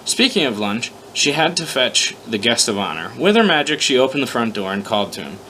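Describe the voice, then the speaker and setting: A man offers casual profane commentary while informally reading fan fiction he wrote, laughing at himself and stumbling over the text. His mid-range voice is sharp, swings widely in pitch, and runs a little fast. The audio is poor, with a little hiss or hum.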